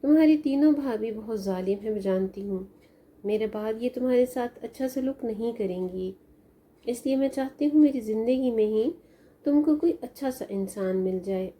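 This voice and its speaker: A woman's voice: a little high, normal speed, close to an everyday voice. A woman doing an ailing, tender old mother. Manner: gentle, consoling.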